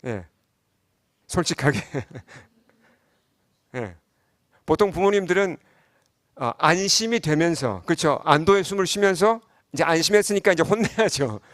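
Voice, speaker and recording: Korean pastor guy preaching, chatty, lots of questions to the room, kinda high voice, dry sound. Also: expressive, normal speed, fairly bright tone, dry recording. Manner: conversational preaching with frequent rhetorical questions to the congregation. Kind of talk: sermon.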